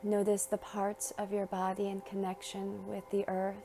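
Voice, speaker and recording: A woman narrates a guided meditation softly and slowly, with long pauses separating her phrases. Her medium-pitched delivery is completely flat, and there is background noise in the clip.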